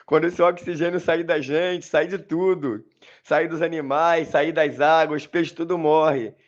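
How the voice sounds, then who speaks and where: A man's voice: on the high side, fairly even intonation, measured pace, dull audio. A man with a Brazilian Portuguese accent recording a voice message, talking insistently and repetitively to his listeners. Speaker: religious commentator. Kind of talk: voice message monologue.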